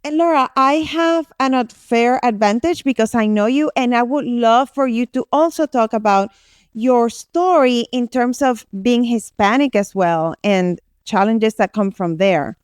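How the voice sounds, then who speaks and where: A woman's voice: a little high, a little slow, clean tone, dry recording, clean studio sound. A woman co-hosting a podcast, introducing her guest in an eager, gushing way. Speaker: podcast co-host. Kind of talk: podcast interview.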